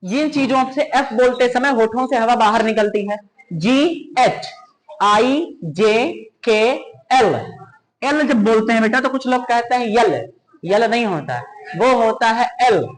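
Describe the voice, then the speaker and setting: Teacher, informal lesson, middling pitch, repeats sounds to demonstrate, teasing asides. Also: animated, a little slow, poor audio. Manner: calls listeners "beta", demonstrates sounds by repeating words. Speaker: English pronunciation teacher.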